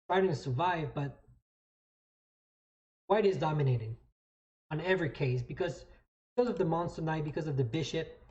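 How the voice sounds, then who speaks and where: Talking through his chess moves live, a streamer from New Brunswick with a French Canadian accent pauses and repeats phrases as his thinking comes together, keeping it casual. He speaks mid-pitched and a little mellow, over slightly dull, lo-fi sound.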